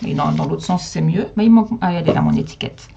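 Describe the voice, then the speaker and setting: A woman hosts a live crafting stream from home, her low, gravelly, dark-toned voice moving fast. She chats with viewers as she works, answering their comments and talking to her dog, with dull audio and slight background noise.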